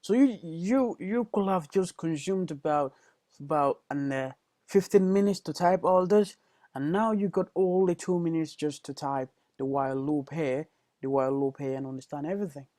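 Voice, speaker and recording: Young male coding tutor, fairly high voice, mellow tone, dry close sound, halting delivery full of ums. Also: no echo. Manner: hesitant, many fillers and self-corrections. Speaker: programming tutor. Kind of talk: casual screencast tutorial.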